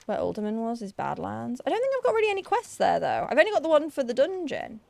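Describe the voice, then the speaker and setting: A young Yorkshire woman, her accent tinged with some Newcastle influence, streams an online game while chatting, thinking aloud, putting herself down, and frequently restarting her sentences. She talks fast in a higher, gravelly, slightly mellow voice with huge pitch swings, and there's no room sound.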